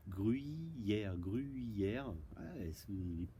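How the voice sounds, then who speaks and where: Patient French teacher spelling out words. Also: male voice, fairly low pitch, lively intonation, extremely slow, dark tone, a little hiss or hum, rough recording. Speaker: primary school teacher. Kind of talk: recorded homework correction for pupils at home. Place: outdoors, windy.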